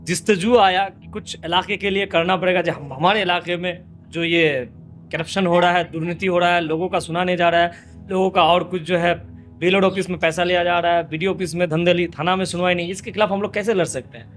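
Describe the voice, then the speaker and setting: Impassioned high-voiced male politician. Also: fairly even intonation, fairly quick, a bit bright, soft background music. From West Bengal, India. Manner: impassioned, repetitive rhetorical lists. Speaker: local politician. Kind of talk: interview answers.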